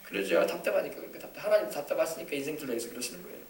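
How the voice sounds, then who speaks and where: A male pastor preaching an emphatic sermon with call-and-response, now and then bursting into loud scolding rebukes. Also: fairly high pitch, expressive, very fast. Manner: emphatic, shouts out scolding rebukes to make a point. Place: church sanctuary. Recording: echoey church hall from a distant mic.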